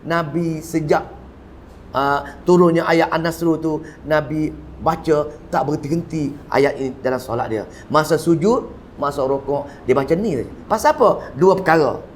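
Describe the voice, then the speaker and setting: Malaysian male religious teacher, animated lecture style, acts out quotes, faint background noise. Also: normal speed. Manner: animated storyteller, swinging pitch for quoted voices, repeats words for emphasis. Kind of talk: Quran commentary lecture.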